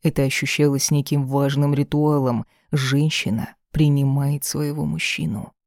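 Mellow, steady man narrating a romance. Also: medium pitch, normal speed, no room sound, studio quality. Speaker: audiobook reader. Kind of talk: first-person romance narration.

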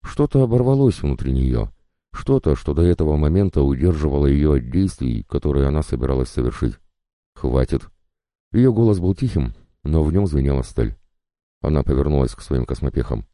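Very deep-voiced male audiobook narrator. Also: sing-song, a little fast, mellow, no echo, clean studio sound. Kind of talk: scripted narration.

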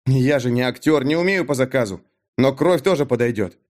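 Soft, hesitant wizard, gentle and polite, read by a man. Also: medium pitch, a little fast, natural voice. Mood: timid. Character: gentle timid male wizard, soft-spoken.

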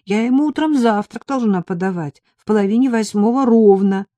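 A woman voicing a timid young woman servant who frets and pleads, speaking in a raised, mellow voice in an audiobook. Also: mid-range voice, fairly quick, no echo, pitched above the performer's own voice, close to an everyday voice. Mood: anxious. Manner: pleading, fearful.

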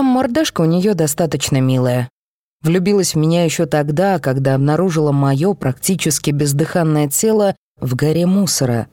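A woman reading a first-person novel aloud, expressive and voicing each character. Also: lowish voice, dry recording, clean studio sound. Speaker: audiobook reader. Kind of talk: scripted first-person narration.

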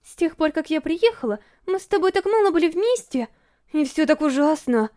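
A woman's voice: sits high, very animated, fairly quick, mellow, voice pushed up. Woman doing a fiery scolding princess. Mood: tearful. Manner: indignant, scolding. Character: fiery young princess, sharp-tongued and stubborn.

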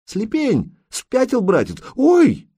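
A man voicing a bold young female captive who mocks her captor in a sharp, taunting way. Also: lowish voice, wildly swooping pitch, unhurried, husky, heavily acted. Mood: alarmed, defiant.

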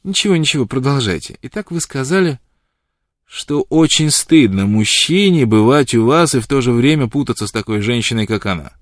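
A man voicing a proud, quick-witted young woman who answers with sharp, challenging retorts. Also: mid-range voice, animated, no echo, clean studio sound, pitched above the performer's own voice, close to an everyday voice. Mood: teasing.

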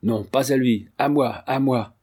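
A man voicing an anguished older man in a read-aloud novel, pleading and halting in broken phrases. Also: lowish voice, dark tone. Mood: frantic.

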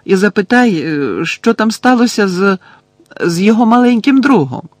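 A man's voice: fairly high pitch, lively intonation, moderate pace, dry recording. A man reading an audiobook, voicing a clever and earnest schoolgirl who asks eager questions. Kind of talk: audiobook character voice.

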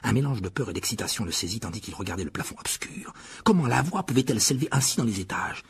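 A man reading a novel aloud as audiobook narrator, lively storytelling. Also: mid-range voice, fast talker, creaky, slightly rough. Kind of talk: scripted narration.

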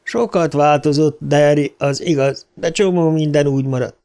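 A man's voice: on the high side, steady tone, a little mellow, clean tone, natural voice. A man voicing a chatty, coarse middle-aged taxi driver in an audiobook, folksy and fond of repeating a pet phrase.

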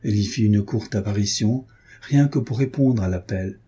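A male audiobook narrator reads a classic novel in a measured, unhurried way. His voice is mellow and dark, with a husky grain. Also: fairly low pitch. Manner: measured, steady storytelling.

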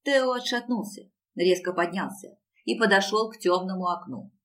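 A woman narrating an audiobook in a steady storytelling manner. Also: medium pitch, moderate pace. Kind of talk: scripted narration.

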